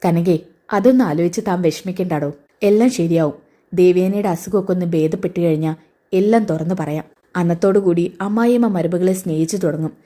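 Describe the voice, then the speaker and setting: A woman voicing a gentle, reassuring elderly grandfather in a spoken serial recap. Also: fairly low pitch, brisk, lightly acted. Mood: kind.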